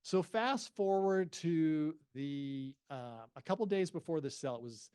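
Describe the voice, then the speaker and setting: A man's voice: fairly high pitch, measured pace, clean tone, no room sound. A middle-aged man presenting to real estate agents at a forum, telling an anecdote and acting out the dialogue of the people in it. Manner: animated storyteller, acts out the dialogue of the people in his anecdote. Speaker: real estate investment expert giving a presentation. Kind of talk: anecdotal storytelling at a professional forum.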